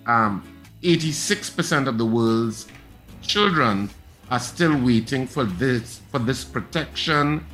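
Emphatic radio host, bright voice. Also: male voice, medium pitch. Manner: emphatic, rising sharply on repeated words. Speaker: radio morning show host. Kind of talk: call-in radio talk.

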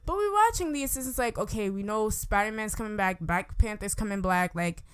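A movie reviewer gives a casual, unscripted review, animated and emphatic, her words slightly slurred by braces and rubber bands. Her voice is medium in pitch, a little fast, clear and resonant.

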